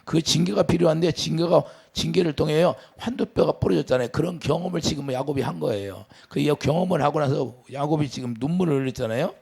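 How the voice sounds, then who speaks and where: A man preaching a sermon as pastor, asking the congregation questions and swinging from loud to quiet. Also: fairly high pitch, fast talker, creaky, hardly any pauses, slightly rough. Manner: preaching with sudden rises and drops, asks the congregation questions.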